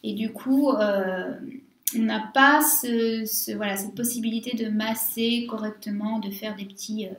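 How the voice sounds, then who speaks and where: A woman's voice: on the high side, fairly even intonation, measured pace, echoey room. A woman reviewing skincare products in a casual vlog, chatting freely with lots of fillers and asides. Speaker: beauty vlogger.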